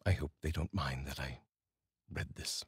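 A middle-aged man, working as a host and voice-over reader, speaks earnestly and deliberately into a large studio microphone held up close. His bass voice is husky and the recording is dry, and he moves between a solemn, measured poetry reading and a personal address to viewers.

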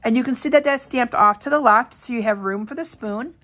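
A middle-aged woman walks viewers through making a card, talking in a chatty, upbeat way. Her voice sits a little high and sounds scratchy, with a lingering cough. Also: brisk, a bit bright. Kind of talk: casual crafting tutorial.

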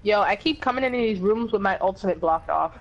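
A woman's voice: mid-range voice, fast, lo-fi sound. A woman playing a team shooter alongside a streamer, talking bluntly and swearing freely. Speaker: co-player on the stream. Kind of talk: live gameplay chat.

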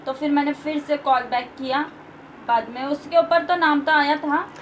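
A young woman, chiming in softly during a casual home vlog. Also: sits high, normal speed, a loud crowd, low-quality recording. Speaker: vlogger. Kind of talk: casual chat.

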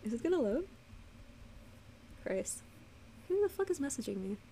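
A woman's voice: high voice, sing-song, normal speed, dark tone, a little hiss or hum. A young woman casually hosting a game playthrough with friends, giggling, swearing freely and trailing off into fillers as she reads the on-screen text aloud. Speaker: let's play host. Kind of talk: casual gameplay commentary with friends.

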